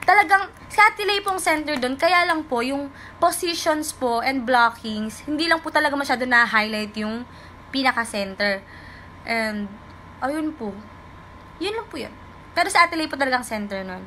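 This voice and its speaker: A young woman from the Philippines talks in a casual livestream chat, polite and chatty as she reads out comments from fans. Her voice sits high, with a bright, crisp tone. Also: a little hiss or hum, rough recording.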